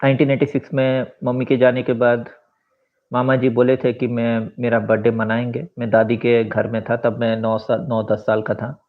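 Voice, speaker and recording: A man's voice: mid-range voice, completely flat delivery. A man in his forties from India, giving a rambling, reflective personal monologue and slipping into English phrases. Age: 40s. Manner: rambling, switches into English phrases, fills pauses with asides. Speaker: vlogger and author. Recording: tinny phone-like sound.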